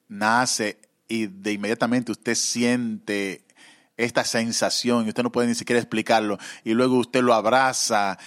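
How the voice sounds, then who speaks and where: A man preaching a sermon, halting with fillers, then rising into fervent, emotional pleas. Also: lowish voice, a bit bright.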